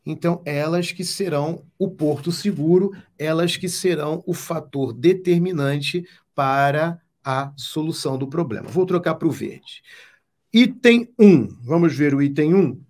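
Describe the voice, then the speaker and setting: A man's voice: on the high side, normal speed, few pauses, darkish tone. A Brazilian man teaching Portuguese exam prep, explaining step by step with emphatic, repeated catchphrases. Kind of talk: exam-prep lesson at a whiteboard.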